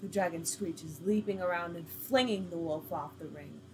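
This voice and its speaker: Lady reading a choose-your-story game, lowish voice, casual, noisy mic. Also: normal speed. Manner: casual, laughing asides while reading. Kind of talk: reading an interactive story aloud with banter.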